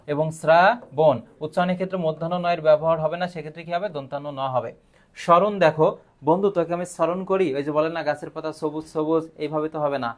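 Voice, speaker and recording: A man teaching a live online grammar lesson, asking questions and answering them himself. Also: a little high.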